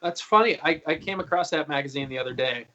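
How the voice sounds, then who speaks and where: A man's voice: fairly high pitch, quick pace, bright, forceful tone, dull audio. A man in his early thirties talking loosely on a video call, rambling, swearing and laughing as he tells stories. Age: 30s. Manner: rambling and laid-back, swears freely, laughs often. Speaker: guest singer. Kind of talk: casual interview chat.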